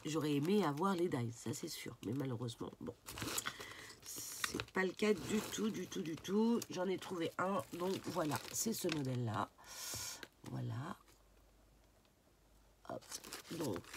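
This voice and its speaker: Slow-talking congested woman vlogger. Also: low voice, vocal fry, noisy background. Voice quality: nasal. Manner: relaxed and chatty, with many fillers and "voilà". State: stuffy, congested nose. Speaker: craft vlogger showing a shopping haul. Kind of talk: casual haul vlog talk to camera. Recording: paper crinkling and clicks behind. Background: crinkling packaging and clicks.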